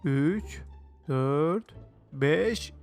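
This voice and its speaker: A man excitedly commenting on his own gameplay, exclaiming often and chatting to his viewers as he plays. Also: fairly high pitch, drawn-out words, faint music behind. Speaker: gaming video host. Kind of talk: let's-play game commentary.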